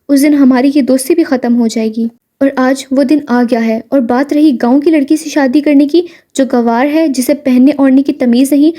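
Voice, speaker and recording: A stern young man lays things out plainly and firmly, as a woman reads his part. The voice stays high and warm, with a steady, no-nonsense delivery. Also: lightly acted. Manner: stern, firm and direct.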